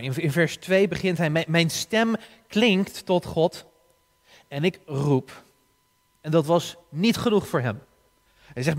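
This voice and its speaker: Slow earnest male preacher, hall reverb. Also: on the high side. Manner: slow, earnest, with frequent restarts and emphatic rises. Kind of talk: sermon.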